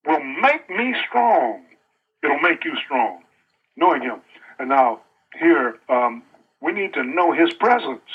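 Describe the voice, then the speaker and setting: A man preaching a sermon with a husky voice, dropping to low quiet asides and rising high on emphatic lines, and reading scripture aloud. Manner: reads scripture passages aloud. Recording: dull lo-fi recording.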